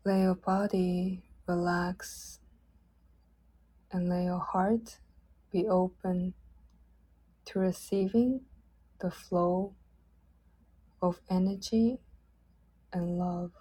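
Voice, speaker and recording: A woman leading a guided loving-kindness meditation in a soft, gentle, drawn-out way. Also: fairly low pitch, fairly even intonation, husky, poor audio.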